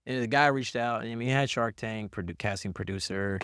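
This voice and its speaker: A man's voice: fairly low pitch, fast, clear, resonant tone, no echo, clean studio sound. A young man with a slight lisp, a guest telling stories in a casual interview and acting out other people's lines in a raised voice. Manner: animated storyteller, acts out others in a raised voice. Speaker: podcast guest, entrepreneur.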